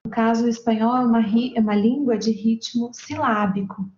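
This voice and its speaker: A woman giving an academic lecture over a video call, speaking in a measured and technical way. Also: a little high, steady tone, a little mellow, slight background noise. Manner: measured, technical, adds points to a colleague's talk. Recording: echoey, muffled online call audio.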